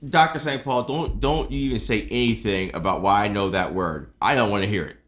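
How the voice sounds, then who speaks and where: A man's voice: fairly low pitch, fairly quick, a bit bright. A drunk Southern man hosting a podcast, rambling, profane and self-mocking. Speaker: podcast host. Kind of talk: comedic casual chat.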